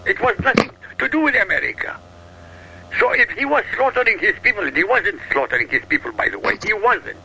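A man's voice: high voice, sing-song, a little fast, vocal fry, pushed and bright, a little hiss or hum, rough recording. A man from Iraq giving emphatic, insistent political commentary as a talk show guest, driving his points home with rhetorical questions.

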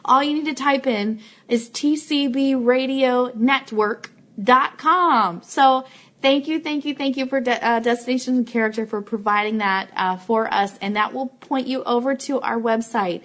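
In an office setting, a woman runs a fan live show, casually addressing viewers with announcements and thanks. Her voice is on the high side and a bit bright, at a normal speed.

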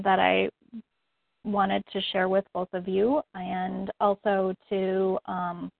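Woman on a coaching call, gravelly flat voice, lots of ums, tinny phone sound. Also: medium pitch, dry recording. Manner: hesitant, many ums. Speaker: coaching student.

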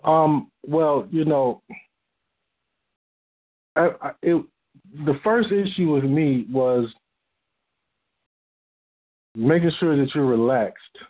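A man on a phone call, speaking hesitantly and reassuringly with halting restarts. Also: a little high. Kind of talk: phone conversation. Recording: tinny phone line.

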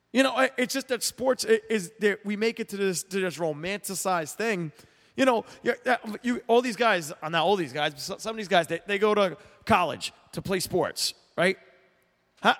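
Guy doing a sports talk rant, kinda high voice, blunt, keeps restarting, long echo on it. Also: fairly bright tone. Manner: blunt, rambling, many restarts and repeated words. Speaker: sports show host. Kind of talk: opinionated sports talk monologue.

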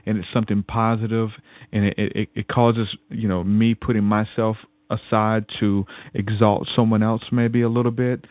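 Over a tinny, phone-like line, a man with a lowish, level voice shares his faith story as a podcast guest at a moderate pace. He rambles casually, often repeating words and starting sentences over, and the recording is dry.

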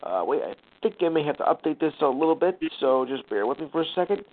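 A man's voice: on the high side, lively intonation. A man hosting a sports talk show, reading out scores and standings with casual asides and lots of fillers. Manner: rattles off numbers with fillers, sighs and quick asides. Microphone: phone call line. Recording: tinny phone-line audio.

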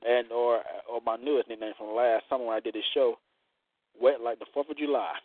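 A man hosts a poetry show in casual, colloquial talk, playful and full of swagger. His mid-pitched voice comes dry over a thin, phone-like connection. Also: steady tone, fairly quick, no room sound. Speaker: host of a live poetry show. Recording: tinny, narrow-band radio-like line.

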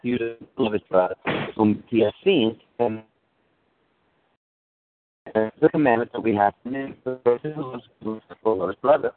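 A man's voice: mid-range voice, normal speed, soft background music. Pastor guy preaching over a phone call, tinny, keeps asking if folks are with him. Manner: preaching, checks in with listeners, restarts phrases. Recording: tinny call line that breaks up.

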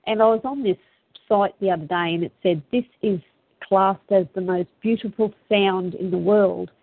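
A woman's voice: mid-range voice, normal speed. An Australian woman chatting casually and earnestly, reflective, with an earthy, colloquial bush way of talking. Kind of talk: casual heartfelt chat. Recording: tinny phone-line sound.

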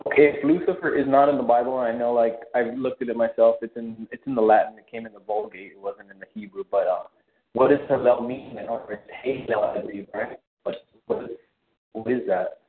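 Caller on a breaking-up line. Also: male voice, mid-range voice, lively intonation, a little fast, echoey room. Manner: hesitant, many ums and uhs. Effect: breaking-up call line, voice cutting out. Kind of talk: casual call-in chat. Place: at work on a lunch break. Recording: tinny phone-like call line.

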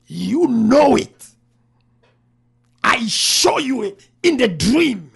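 Man doing the voice of God, stern, solemn, commanding, husky, slow. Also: fairly high pitch, very animated, heavily acted.

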